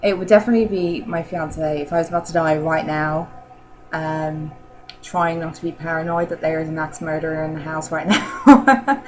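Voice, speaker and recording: A woman chatting casually in a rambling vlog, filling pauses with "um" and laughing often. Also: low voice, a little hiss or hum, poor audio. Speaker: vlogger answering model-challenge questions. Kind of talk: casual chat.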